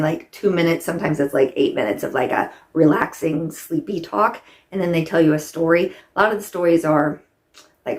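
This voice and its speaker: Casting note: middle-aged woman, lowish voice, chatty rambling vlogger doing makeup on camera. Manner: rambling, chatty, many "like" fillers. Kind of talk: casual chat while doing makeup.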